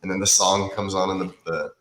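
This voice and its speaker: A man's voice: low-pitched, flat delivery, brisk, a bit bright. A man co-hosting a podcast in casual chat, distracted and swearing while he types. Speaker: podcast co-host. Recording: echoey room, faint noise.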